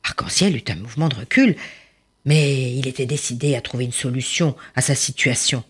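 A woman telling a children's story in an expressive, animated way with dramatic pauses. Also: rumbling low, breathy edge. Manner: animated, dramatic pauses, voices rising and falling.

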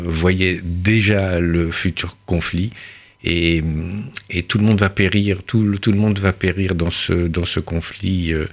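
A male guest with a low voice, talking in an interview about acting. He tells things piece by piece and often repeats words as he restarts. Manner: storytelling, halting with repeated words. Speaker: actor, guest. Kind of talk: radio interview.

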